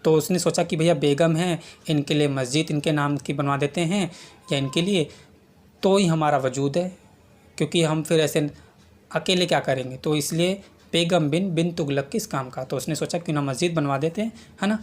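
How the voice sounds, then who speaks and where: A young adult man leads an exam-prep lesson, walking students through memory tricks. He circles back over each point and keeps checking in with a quick okay. Now and then he calls his students "beta" as he explains. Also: fairly high pitch. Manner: repetitive, checks in with frequent okays, calls students 'beta'.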